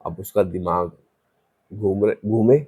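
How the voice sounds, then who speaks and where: A man with a fairly low voice recounts a spooky tale casually, as if telling it across a table. His telling is loose and conversational, with small restarts. The sound is dry and close. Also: fairly even intonation, unhurried, dark tone, husky, no echo. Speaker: storyteller. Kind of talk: casual spoken horror story.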